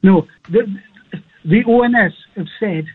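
A man's voice: high voice, unhurried, slightly rough. A man calling a radio show over the phone, earnest and persistent, reciting figures through a muffled line. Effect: heard over a phone line.

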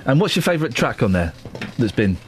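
Animated male radio presenter. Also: medium pitch, quick pace, background noise. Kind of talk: casual radio banter and announcements.

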